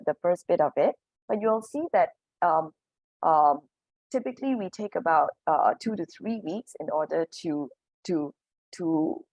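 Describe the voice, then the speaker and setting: A woman's voice: on the low side, a little mellow, no room sound. A woman with a Singaporean English accent presenting to teachers, explaining her points with many "okay" and "et cetera" fillers. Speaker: teacher trainer.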